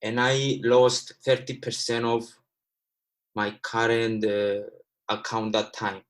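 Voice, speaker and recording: Speaking slowly in a steady, medium-pitched voice, a guest trader in his twenties addresses livestream viewers as "guys." He is from Cyprus, a first-language Greek speaker, and his casual, earnest talk includes a lot of repetition.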